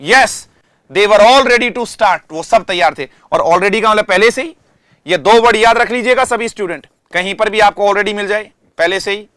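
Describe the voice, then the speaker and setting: A male English teacher with a fairly high, crisp and resonant voice, recorded close and dry with no room sound. He explains word meanings in Hindi, slows right down to stress each English example sentence, and keeps asking his students questions before answering them himself. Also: a bit bright, dry recording. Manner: addresses students directly, asks and answers himself. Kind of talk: online classroom lecture.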